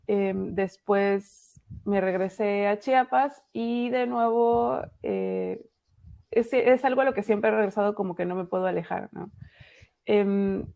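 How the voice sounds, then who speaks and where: A Mexican woman author speaking in a casual interview over a video call from a dark room at home at night, chatty with many fillers and pauses. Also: medium pitch, expressive, creaky.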